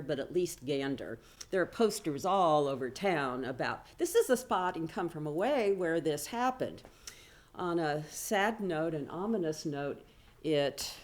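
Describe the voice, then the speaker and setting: Low-voiced woman giving a conference talk. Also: a little mellow. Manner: chatty, self-deprecating asides, light laughs. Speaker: business professor presenting at a symposium. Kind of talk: conference presentation with slides. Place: conference room.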